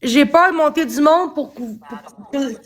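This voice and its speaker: Agitated and on the defensive, a high-voiced young woman speaks at a measured pace during a livestream. She has a Quebec French accent and keeps stammering repeats as she rants.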